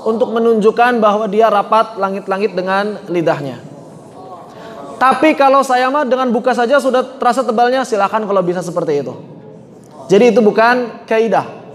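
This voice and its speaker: High-voiced man teaching recitation, slow and echoing. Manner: demonstrates letter sounds slowly, drilling the class. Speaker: tajwid teacher. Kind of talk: online Quran recitation lesson.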